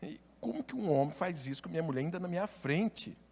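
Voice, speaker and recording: Brazilian pastor man telling a story in a sermon, lively up and down voice, loud then hushed. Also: a little high, quick pace, vocal fry, slightly rough. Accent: Brazilian Portuguese. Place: church meeting hall. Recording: long reverb of a hall.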